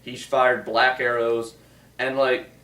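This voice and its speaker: A man's voice: mid-range voice, little pitch movement, takes it slowly, pushed and bright. A young man hosting a casual movie chat, talking loosely with lots of swearing and filler words. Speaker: movie review host. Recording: roomy echo, mic at a distance.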